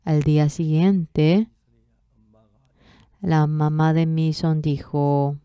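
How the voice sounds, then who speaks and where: A woman's voice: deep voice, level tone, extremely slow, mellow, clear, resonant tone, dry recording, highs cut off. A woman interpreting a sermon, telling a story earnestly with emotional swells.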